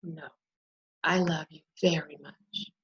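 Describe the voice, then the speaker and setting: A woman voicing a small, polite and gentle butterfly in a storybook, with a high, lilting voice. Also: steady tone, slow pace, husky, lo-fi sound, heavily acted. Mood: loving.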